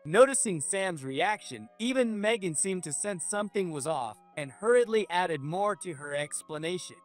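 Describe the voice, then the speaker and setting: A man narrating a scripted first-person story in an even, measured way. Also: high voice, faint music behind.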